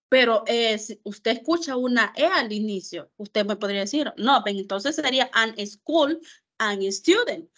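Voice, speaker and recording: A woman teaching English in an online class, explaining slowly in Spanish and repeating English words to model how they sound. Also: sits high, a bit bright. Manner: slow, careful, repeats words to model pronunciation.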